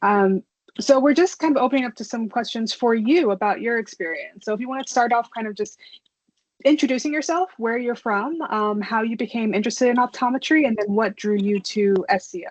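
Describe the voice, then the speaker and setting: A woman's voice: a little high, brisk, no room sound. A woman hosting a webinar, cheerful and encouraging as she moderates questions. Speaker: webinar host. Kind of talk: upbeat moderating. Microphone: video call. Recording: dry dull call audio.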